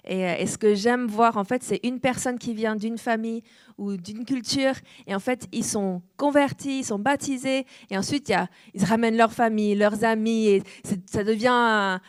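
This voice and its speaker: A woman pastor in her thirties from France, preaching a sermon with an easy, earnest manner and a light French accent, full of amens and little pauses. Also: mid-range voice. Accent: French, slightly shifting. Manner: warm, earnest preaching with frequent "amen" and "euh". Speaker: guest pastor. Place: church hall.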